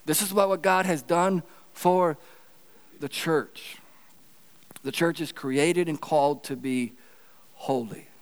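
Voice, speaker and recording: A pastor preaching with earnest, emphatic repetition. His voice sits high for a man, and it rings out with a long reverb as if he stands in a large church hall. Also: fairly even intonation, takes it slowly, pauses often, clear, resonant tone. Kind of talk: sermon.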